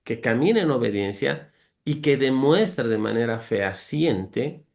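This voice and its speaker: An animated man with an ordinary pitch, a darkish tone and vocal fry teaches the Bible conversationally at an unhurried pace. Reading verses aloud, he earnestly unpacks them, runs through virtues one by one, addresses listeners as brothers, and makes homely, humorous comparisons.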